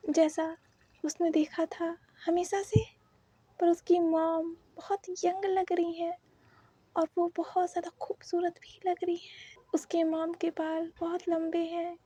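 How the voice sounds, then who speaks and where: A woman narrating a fan fiction story in a steady storytelling manner. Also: extremely high pitch, slow pace, dry recording.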